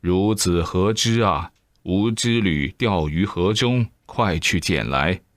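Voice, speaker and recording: Picture an aloof old male immortal in a told tale, slow and solemn in his old-fashioned speech. His voice sits low and close, with a dry sound, and a man acts him out. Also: dry recording. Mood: scolding. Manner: slow, drawn-out classical declaiming.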